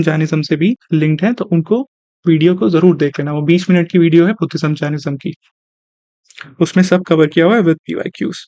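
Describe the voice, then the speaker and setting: A man's voice: high-pitched, warm tone, no room sound. A young male teacher gives an online exam-prep lecture, mixing Hindi with terms and asking and answering his own questions. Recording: dry, slightly dull recording.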